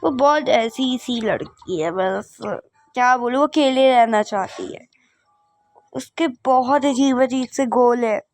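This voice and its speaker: A woman's voice: fairly high pitch, takes it slowly, soft background music. A woman voicing a chatty little girl princess who tattles about her sister in a doll game. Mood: complaining.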